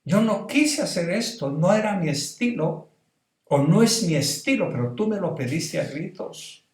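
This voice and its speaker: A man's voice: sits high, expressive, measured pace, a little mellow, voice pushed up. A man voicing Jesus as a grieving, loving friend who reproaches him earnestly, in a roomy, echoing space. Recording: roomy echo.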